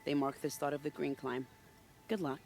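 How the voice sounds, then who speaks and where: Playing a cunning, flirty spy for a game cutscene, a woman teases and shares secrets in a playful tone. Her voice is low, her delivery flat and her speed normal, with music in the background.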